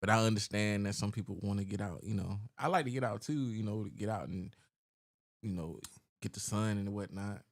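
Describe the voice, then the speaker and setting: A man with a low, deep voice co-hosts a casual podcast. He talks in a laid-back, rambling way full of slang, often trailing off and circling back to his point. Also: fairly quick, gravelly. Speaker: podcast co-host.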